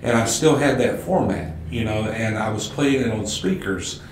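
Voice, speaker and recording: A man's voice: on the low side, normal speed, slight background noise. Folksy Southern Appalachian man in echoey room. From southern United States. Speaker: local radio station owner being interviewed. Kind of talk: casual anecdotal interview talk.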